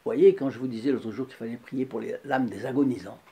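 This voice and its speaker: A man hosting a devotional channel, telling the stories of saints to camera in an expressive, informal way, going from loud to soft with the odd restart. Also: medium pitch, quick pace, breathy edge. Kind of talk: informal religious storytelling to camera.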